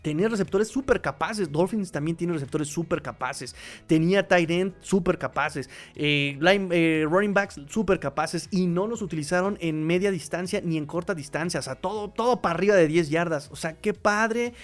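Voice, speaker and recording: Male sports host, fairly high voice, animated, rambling with fillers. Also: moderate pace. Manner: animated, excitable, with many fillers and restarts. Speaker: podcast host. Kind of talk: casual sports talk, reading viewer comments.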